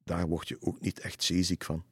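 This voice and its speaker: A man's voice: low-pitched, monotone, normal speed, breathy edge, dry recording, studio quality. A man voicing a lonely middle-aged ferryman, telling spooky stories in a chatty way in a storybook reading.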